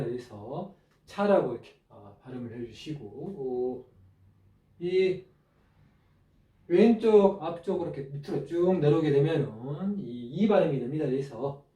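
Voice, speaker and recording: A man teaching a script lesson, explaining each stroke step by step in a halting way with many fillers. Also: a little high, mellow. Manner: halting, many fillers, pointing through steps. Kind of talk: spoken lecture explaining script on a board. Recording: distant mic, echoey room.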